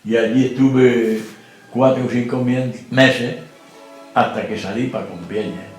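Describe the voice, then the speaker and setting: A man's voice: medium pitch, steady tone, takes it slowly, soft background music. Really old guy from spain telling his story straight, keeps going "understand?", big roomy echo. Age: older. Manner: plain-spoken, keeps asking if the listener understands. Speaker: interviewee. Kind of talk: documentary testimony. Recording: very echoey room.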